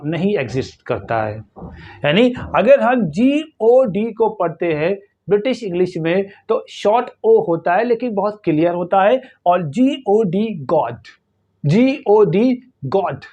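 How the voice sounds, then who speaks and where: Slow, high-voiced man drilling pronunciation. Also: a little mellow. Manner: drills words slowly, repeating them many times. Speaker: English pronunciation teacher. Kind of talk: Hindi-English pronunciation lesson.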